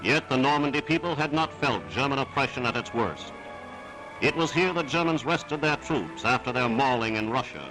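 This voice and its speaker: Man, mid-pitched, old newsreel narrator, declamatory and emphatic, under loud music. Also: expressive, normal speed, low-quality recording. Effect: old newsreel recording.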